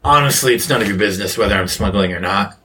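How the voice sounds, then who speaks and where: A man plays a tight-lipped ship captain who keeps his answers short. The voice sits low and even, sounding close to the man's own. He sidesteps questions without raising his voice. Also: fast talker, slight background noise. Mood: curt. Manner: curt and evasive. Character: calm, guarded male ship captain. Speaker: game master voicing a character.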